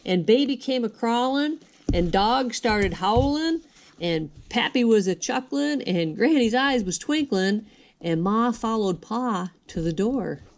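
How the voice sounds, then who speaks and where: A woman's voice: fairly high pitch, lively intonation, slow pace. An older woman, a sweet grandmotherly lady, reading a storybook aloud in a folksy, rhythmic way with dropped g's. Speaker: grandmother reading a picture book.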